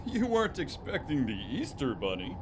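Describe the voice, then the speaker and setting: An actor playing a jolly, wry old Santa in an audio drama, lecturing heartily. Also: male voice, on the high side, wildly swooping pitch, moderate pace, noisy background.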